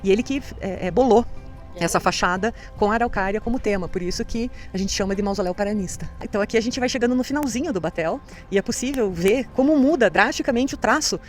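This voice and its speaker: A woman's voice: medium pitch, quick pace, soft background music. A woman guiding a cemetery tour, explaining with enthusiasm.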